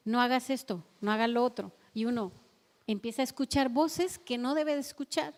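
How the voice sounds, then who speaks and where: Woman preacher, high voice, lively sermon, long church reverb. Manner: animated storytelling preacher, asks the congregation questions. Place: church hall.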